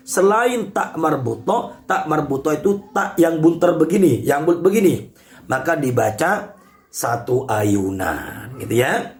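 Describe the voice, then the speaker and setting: A man teaching Quran recitation rules in an online lesson, patiently explaining each point step by step. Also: a little high. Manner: addresses listeners as congregation.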